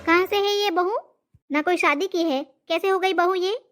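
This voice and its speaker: A woman voicing a sharp-tongued old mother in a cartoon comedy, scolding and throwing insults. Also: very high-pitched, normal speed, soft background music. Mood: angry interrogating.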